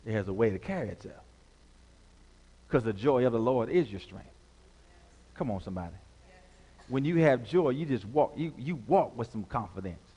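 A man's voice: mid-range voice, lively intonation, moderate pace, pauses often, dark tone, husky. A man preaching a sermon as pastor, leading the congregation in call-and-response with repeated phrases and rising emphatic passages. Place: church sanctuary. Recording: long hall reverb.

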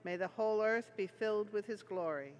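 Woman, liturgical lector, measured formal reading, medium pitch, solemn scripture style. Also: long reverb tail, a little hiss or hum.

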